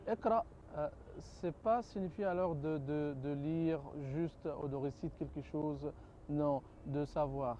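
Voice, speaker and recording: Hesitant man, mellow voice. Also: fairly high pitch, a little slow, muffled recording, a little hiss or hum. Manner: hesitant, searching for French words, repeats "alors". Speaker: guest scholar of comparative religion. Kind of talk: studio talk show answers.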